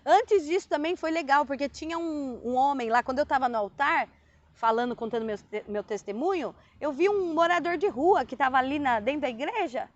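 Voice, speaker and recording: A woman from Brazil telling her conversion testimony in casual storytelling, emotional and animated, with sudden high exclamations. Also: a little fast, dry recording, lo-fi sound. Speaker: vlogger.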